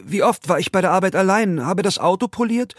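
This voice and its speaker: A man voicing a frightened young worker pleading his innocence, in a high, cracking, hoarse voice. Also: lively intonation, brisk, no echo, studio quality. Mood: pleading, panicked. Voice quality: hoarse, urgent.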